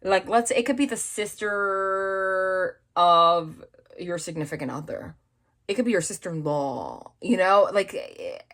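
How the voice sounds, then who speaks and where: This tarot reader, a New York / New Jersey woman with a matching accent, chats loosely while doing a reading at a table indoors, hands over the cards, frequently restarting and digressing. Her pitch is fairly low and her tone fairly bright.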